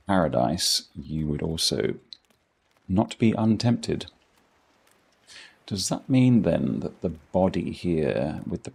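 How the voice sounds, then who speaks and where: This gaming streamer is a middle-aged man from England with a posh English accent, talking casually with viewers mid-game and rambling with dry, self-mocking humour. His very deep voice is husky, with vocal fry and a darkish tone.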